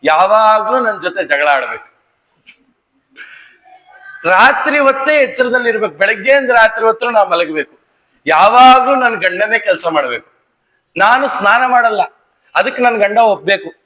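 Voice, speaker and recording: A man's voice: high voice, animated, normal speed, long pauses, sharp tone, rough recording. Alakshmi, a blunt quarrelsome goddess, as a male preacher tells it. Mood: demanding. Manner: blunt, listing demands. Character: demanding quarrelsome goddess of misfortune, female.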